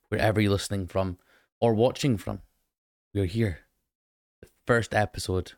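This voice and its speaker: A man with a hoarse, croaky voice hosting a casual solo podcast, chatting to listeners with plenty of ums. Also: fairly low pitch, dry recording, studio quality. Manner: chatty, lots of ums, talks straight to listeners. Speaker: podcast host.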